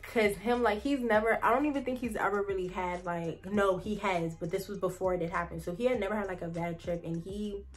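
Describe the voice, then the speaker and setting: A woman's voice: medium pitch, fairly even intonation, fairly quick, hardly any pauses, soft background music. A young woman vlogging a casual storytime, rambling with lots of "like" and talking straight to her viewers as "y'all.". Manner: chatty, rambling, heavy "like" fillers, addresses viewers as y'all.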